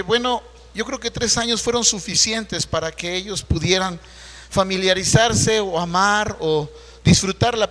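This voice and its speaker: A man's voice: high-pitched, fairly bright tone, big-room sound. A man, a pastor preaching a Sunday sermon in a conversational, storytelling way full of rhetorical questions, heard in a church. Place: church sanctuary.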